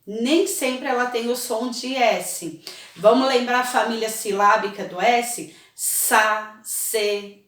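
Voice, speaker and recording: A woman teaching a children's spelling lesson, slow and patient, often checking in with her pupils. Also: on the high side, fairly bright tone. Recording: echoey room, voice a bit far from the mic.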